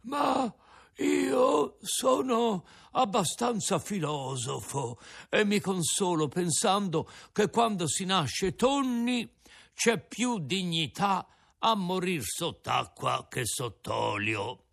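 A man voicing a resigned, philosophical male tuna with a cracked, creaky voice, speaking slowly in a storybook reading. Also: sits high, lively intonation, a bit bright, pitched above the performer's own voice, exaggerated voice. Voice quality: cracked, creaky voice like an out-of-tune guitar. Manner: slow, resigned, drawn-out delivery. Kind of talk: audiobook character voice.

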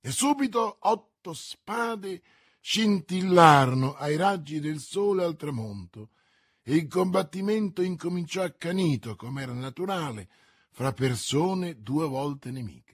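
Male narrator, husky voice, slow steady reading, dry close sound. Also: a little high, no echo. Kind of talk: audiobook reading of a classic novel.

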